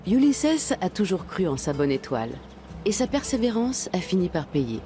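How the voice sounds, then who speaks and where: A woman reading scripted documentary narration in a measured, even way. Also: fairly low pitch, music in the background.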